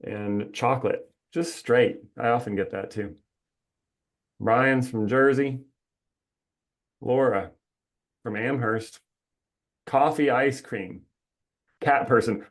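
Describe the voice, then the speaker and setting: A man hosts a webinar in a casual, upbeat, rambling way, laughing often, his creaky mid-range voice coming through a video call mic.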